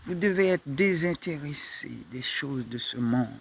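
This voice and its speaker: A man preaching a sermon, slow and halting, often repeating words as he searches for the next one. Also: fairly high pitch, lively intonation, fairly bright tone, a little hiss or hum.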